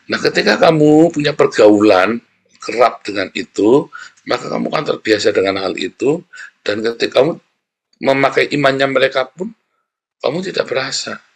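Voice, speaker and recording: A man preaching a sermon as a pastor, animated and conversational, often calling out to his listeners. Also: mid-range voice, moderate pace, gravelly, pauses often, husky.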